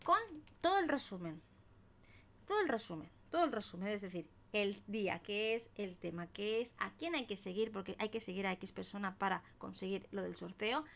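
A woman's voice: medium pitch, lively intonation, moderate pace, gravelly, a bit bright. A young woman from Spain chatting casually on her live stream, thanking viewers by name as she tells a rambling story. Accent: Spain Spanish. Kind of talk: casual live-stream chat while colouring.

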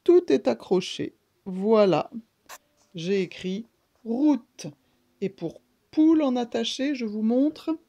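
A woman giving a slow reading lesson to young children, stretching and repeating sounds for them. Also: a little high, expressive, mellow. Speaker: speech therapist teaching reading.

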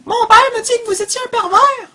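Very high bratty little boy acted by a woman. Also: fast talker, sharp tone. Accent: Quebec French. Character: bratty, foul-mouthed little cartoon boy. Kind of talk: crude comic fan dub of a children's cartoon.

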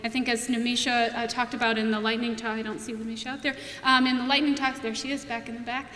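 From the podium of a big auditorium stage, a young adult woman gives a keynote on product features, talking fast in a bright, forceful, flat voice on the high side. She's conversational, with frequent fillers and restarts, and the far camera's podium mic captures heavy, long reverb.

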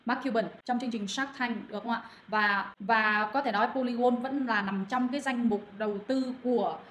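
Woman crypto explainer, higher voice, chatty with fillers, roomy echo and faint hiss. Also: moderate pace, fairly bright tone. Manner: addresses listeners as anh chị, many fillers. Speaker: crypto channel moderator. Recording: echoey room, faint noise.

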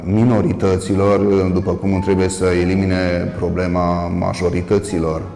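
Male TV lecturer, gravelly and mellow, deliberate with many pauses; roomy reverb. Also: low-pitched, flat delivery, faint music behind. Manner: measured, halting with frequent "uh" pauses, stressing contrasting word endings. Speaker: priest and professor hosting a TV talk. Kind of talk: solo lecture-style commentary.

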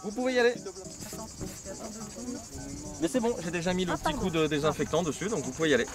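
Male visitor guide, casual and rapid, a little distant from the microphone. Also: high-pitched, sing-song. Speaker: guide helping visitors at a telescope. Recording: voice some way off the mic.

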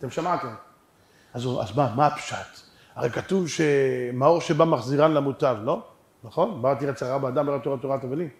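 Animated rabbi preaching in an echoey room. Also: male voice, medium pitch. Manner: animated storyteller, rhetorical questions, acts out voices. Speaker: rabbi giving a lecture. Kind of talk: lively sermon with stories and jokes. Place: synagogue or study hall. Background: audience laughter.

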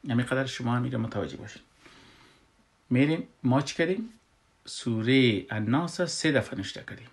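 A man with an Afghan Dari accent teaches Quran recitation rules one point at a time. His explanation is patient and methodical, broken by frequent filler pauses as he searches for the next word. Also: mid-range voice, lively intonation. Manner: patient, step-by-step, often pausing with fillers. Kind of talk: classroom explanation.

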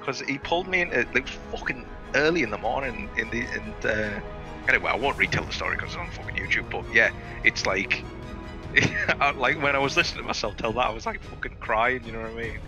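Over gaming voice chat, a man tells stories and banters in a sweary, theatrical, bombastic way, animated and casual. His mid-range voice moves fairly quickly, and music plays in the background.

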